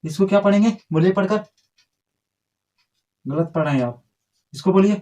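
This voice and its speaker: A man's voice: high voice, moderate pace, darkish tone. A man teaching a grammar lesson to a class, drilling and correcting pupils in a scolding, repetitive way.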